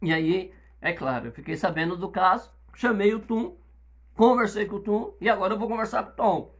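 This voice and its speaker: A man's voice: high voice, a little fast, a bit bright. A middle-aged Brazilian man preaching a sermon as a pastor, speaking conversationally and then rising into emphatic outbursts.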